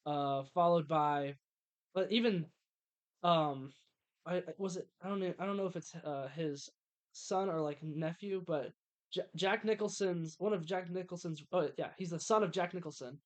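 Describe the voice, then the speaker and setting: A man's voice: on the high side, normal speed. A young man co-hosting a podcast, chatting about movies eagerly and tripping over his words. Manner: enthusiastic, stumbling restarts. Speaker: podcast co-host. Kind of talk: casual movie review chat.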